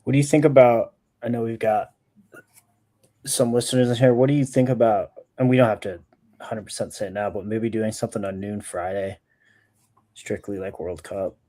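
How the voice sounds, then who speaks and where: Low-voiced male co-host, casual, talks while checking numbers. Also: fairly even intonation, moderate pace, dark tone. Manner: thinking aloud, checks stats as he talks. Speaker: sports betting show co-host. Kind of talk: casual betting talk.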